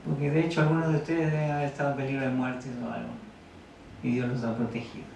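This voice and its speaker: A man's voice: mid-range voice, level tone, fast talker, vocal fry, darkish tone, slight background noise. Man preaching in a very echoey hall. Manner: reads Bible verses aloud, asks the congregation questions. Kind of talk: sermon. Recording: very echoey room, mic at a distance.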